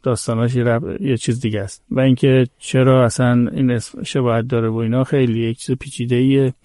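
A man's voice: mid-range voice, level tone, warm tone, dry recording, studio quality. A man answering questions as a guest expert on a podcast, explaining carefully and hedging his claims. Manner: measured, explanatory, cautious about claims. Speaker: guest expert on old Persian epic. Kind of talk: podcast conversation.

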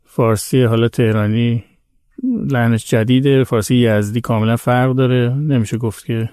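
Male podcast guest, measured explainer, dark relaxed timbre. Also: medium pitch, clean tone, dry recording, clean studio sound. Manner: measured, explanatory, hedges and corrects himself. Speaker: podcast guest, expert on history. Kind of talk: casual podcast chat.

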